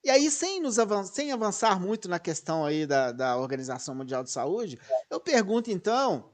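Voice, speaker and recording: A man hosting political commentary, excitable and digressive, often correcting himself mid-sentence over a video call. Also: high-pitched, moderate pace. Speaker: host.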